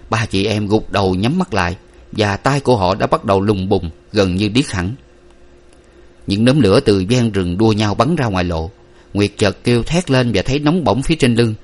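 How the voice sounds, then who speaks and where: A man narrating a story aloud with a steady, expressive reading style. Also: fairly low pitch.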